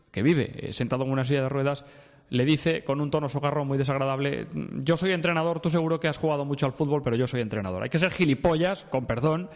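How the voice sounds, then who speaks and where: A man's voice: medium pitch, long reverb tail. A man hosting a sports news radio show, giving emphatic, outspoken opinions from the studio.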